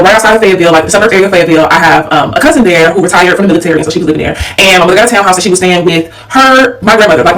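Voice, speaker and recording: A young woman telling a family story in a chatty storytime monologue, with a slight lisp from her retainer. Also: lowish voice. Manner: chatty, addresses listeners as y'all and girl. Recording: voice a bit far from the mic.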